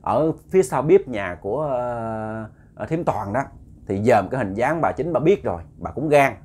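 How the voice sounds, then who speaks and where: A man with a Southern Vietnamese accent narrates a ghost story in a casual, conversational manner. He keeps turning to address his listeners directly, with a voice of ordinary male pitch. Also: expressive, normal speed, darkish tone.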